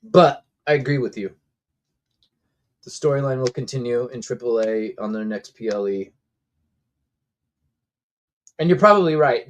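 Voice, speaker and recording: A man's voice: fairly high pitch, low-quality recording. A man hosting a casual livestream, giving wrestling commentary and opinions while talking back to his viewers in a conversational way. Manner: opinionated, conversational, reads out and answers chat comments. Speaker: livestream host reacting to wrestling. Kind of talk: casual live-stream commentary, chatting with viewers.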